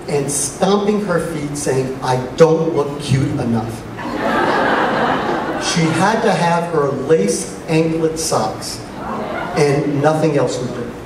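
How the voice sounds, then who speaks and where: A middle-aged man giving a father of the bride speech at a wedding reception, speaking deliberately with pauses and dry humor. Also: on the high side. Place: large room at a wedding reception. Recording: echoey reception hall, distant mic, noisy crowd. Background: guests and crowd noise.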